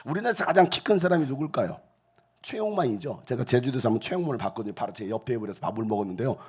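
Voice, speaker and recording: A male pastor preaching a lively sermon in a church, who acts out gruff voices and jokes with the congregation. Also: mid-range voice, very fast. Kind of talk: lively sermon with acted quotes. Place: church sanctuary.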